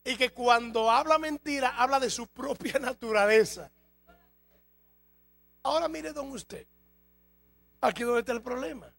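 A man preaching a sermon as a pastor, emphatic, his loudness rising and falling. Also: very high voice, unhurried, creaky, pauses often, dry recording, faint music behind. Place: church hall.

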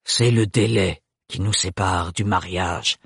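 A man voicing a cold, blunt young man who speaks in a flat, neutral tone, from a storybook audiobook. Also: deep voice, gravelly, breathy edge, no echo, clean studio sound, pitched below the performer's own voice, exaggerated voice. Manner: flat, neutral, unhurried delivery.

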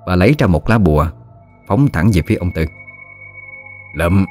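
A man's voice: sits low, animated, fast, a little mellow, soft background music. A man with a Southern Vietnamese accent narrating a ghost story steadily.

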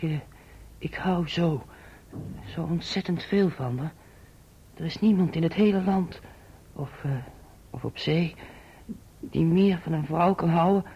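An actor playing a shy, earnest young fisherman in a radio play, talking in a halting, bashful way. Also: on the high side, husky, lo-fi sound. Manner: halting, bashful, laughs nervously.

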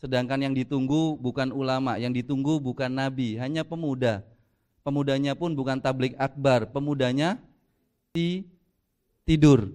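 A man preaching to a mosque congregation, lively and joking, building his points with rhythmic repetition. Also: medium pitch, normal speed. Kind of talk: sermon at a mosque gathering.

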